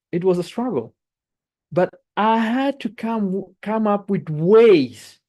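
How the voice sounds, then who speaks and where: Here a spirited motivational speaker from Angola, whose first language is Portuguese, gives a scripted club speech. The voice is mid-range, and the emphatic delivery circles back to key phrases and restarts words.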